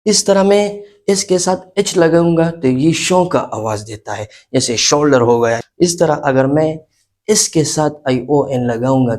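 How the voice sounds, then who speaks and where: A man's voice: medium pitch, a little mellow. A man teaching a beginner English lesson, explaining step by step, repeating key points and asking and answering his own questions. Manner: often adds checking tags like "okay" and "isn't it". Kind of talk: classroom lesson explaining letters and sounds.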